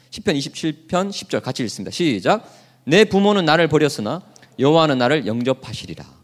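Animated male pastor preaching. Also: a little high. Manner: asks the congregation questions and leads group readings; acts out quoted lines. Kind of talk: sermon.

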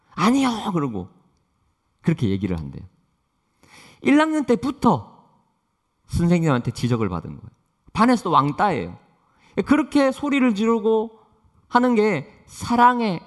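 A man preaches a sermon with a high, very animated voice that rises and falls widely. He tells stories earnestly, swinging between forceful lines and soft, quiet ones. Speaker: pastor.

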